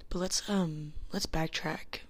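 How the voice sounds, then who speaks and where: A woman's voice: deep voice, steady tone, slow, husky. A young woman talking on her own podcast from her dorm room into a small handheld mic, rambling and giggly with lots of fillers, often half-whispering. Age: young adult. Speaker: podcast host. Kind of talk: casual solo chat.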